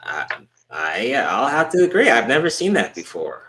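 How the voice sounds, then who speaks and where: A man's voice: mid-range voice, wildly swooping pitch, normal speed, pushed and bright. A man hosting a live-stream panel in casual chat, laid-back and full of "um" fillers.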